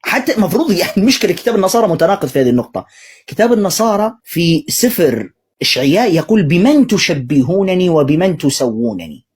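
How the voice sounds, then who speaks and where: A man preaching in a rapid, husky voice that swings widely in pitch. He mocks and drives his points home with heavy sarcasm while answering recorded clips as a polemical commentator. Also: a little mellow. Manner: mocking, sarcastic, emphatic.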